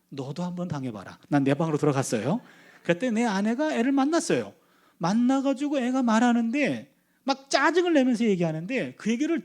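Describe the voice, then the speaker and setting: A middle-aged male pastor preaching a sermon, telling family stories and acting out the quotes. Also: sits high. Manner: animated storytelling, acts out family quotes. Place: church sanctuary.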